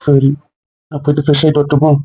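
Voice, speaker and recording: Fast-talking scolding young man. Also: fairly high pitch, completely flat delivery, breathy edge. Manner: scolding, teasing, rapid-fire questions. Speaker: husband in a couple vlog skit. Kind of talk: casual couple banter. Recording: dull, dry lo-fi audio.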